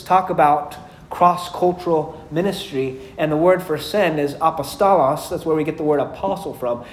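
Male pastor, sermon, slightly high voice, storytelling with humor, echoey room. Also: darkish tone, a little hiss or hum. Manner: storytelling, acts out quotes with humor.

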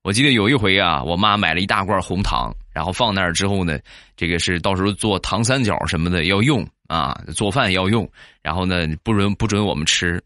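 A man's voice: sits low, a little fast, sharp tone, no echo, clean studio sound. A man from Shandong telling funny personal anecdotes in a chatty way and often asking listeners to agree. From Shandong, China. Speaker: comic storyteller. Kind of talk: comic anecdote narration.

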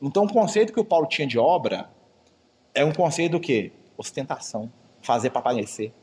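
A man's voice: a little high, expressive, brisk, darkish tone. A man with a chatty manner, giving an informal Bible study lecture. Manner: chatty, keeps asking "né?". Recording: long hall reverb.

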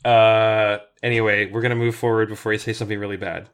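A man's voice: lowish voice, little pitch movement, fast talker, very noisy. A man co-hosting a podcast, joking and laughing through a casual recap of a cartoon episode. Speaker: podcast co-host.

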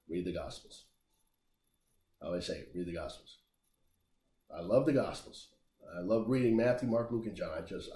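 A man preaching a sermon, emphatic and animated, rising and dropping his voice for effect. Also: fairly low pitch, roomy sound. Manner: animated, emphatic preaching with big swings in loudness.

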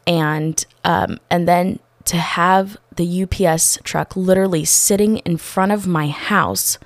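Brief: woman, lowish pitch, heartfelt testimony, acts out dialogue, dry close sound. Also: slow, no room sound. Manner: earnest, animated retelling with quoted dialogue; many restarts and fillers. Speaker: storyteller sharing a faith testimony. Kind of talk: casual personal testimony.

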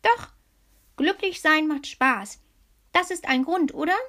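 A woman's voice: sits high, takes it slowly, sharp tone, pitched above the performer's own voice, heavily acted. A woman voicing a plump, cheeky female luck fairy in a storybook reading, with a sing-song, teasing manner.

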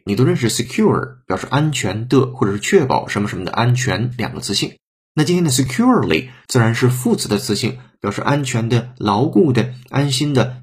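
A man with a medium-pitched, husky voice gives an explanatory English lesson, taking sentences apart step by step and now and then spelling words letter by letter.

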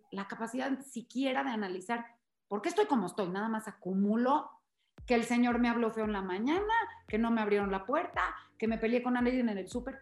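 A woman's voice: a little high, a little mellow, reverberant. A woman host, explaining things earnestly and with emphasis in a conversational interview.

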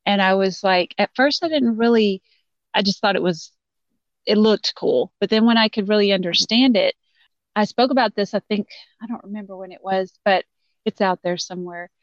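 A woman with a Southern Texan accent talks as a podcast guest, easygoing and quick to laugh. Her audio sounds slightly dull and muffled. It is dry, with no room sound. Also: medium pitch, no room sound. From Texas. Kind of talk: casual podcast chat.

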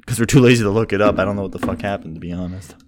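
A man's voice: lowish voice, racing, noisy background. A young man co-hosting a casual podcast chat, rambling, swearing often and laughing. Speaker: podcast co-host.

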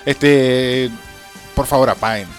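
A man's voice: medium pitch, slow pace, faint music behind. A man with an Argentine accent co-hosting a joke show, bantering casually and laughing easily. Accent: Argentine Spanish. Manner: laughs easily, reacts to jokes. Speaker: radio co-host.

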